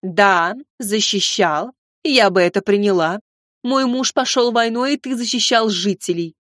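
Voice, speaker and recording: A woman's voice: medium pitch, measured pace, fairly bright tone, no echo, clean studio sound, lightly acted. A woman voicing a stern, commanding old great-grandmother who scolds in a cold manner. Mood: furious.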